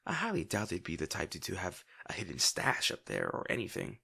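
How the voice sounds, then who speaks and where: In an intimate audio-drama style, a young man plays an abrasive teen bully who secretly cares more than he lets on. His exaggerated, husky voice is bright and forceful, with huge swings in pitch. Irritated and muttering, he addresses the listener head-on in a gruff way, cursing, sighing, and stumbling over words when he gets upset.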